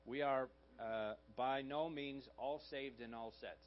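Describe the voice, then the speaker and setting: A slightly hoarse man preaching a sermon in a conversational way, often checking in with the congregation with quick asides. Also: medium pitch, fairly even intonation, muffled recording. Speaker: pastor.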